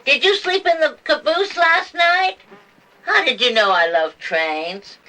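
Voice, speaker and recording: An actress playing an eccentric old woman obsessed with eggs, who talks in a loud, whiny, sing-song way. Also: high-pitched, expressive, a little slow, full character voice, low-quality recording. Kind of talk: cult film acting.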